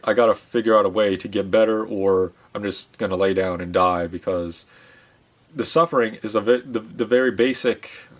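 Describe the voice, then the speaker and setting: A man giving a casual monologue to his audience, speaking in a subdued, reflective way with many pauses, fillers and restarts. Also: fairly low pitch. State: subdued, low-spirited. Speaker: channel host.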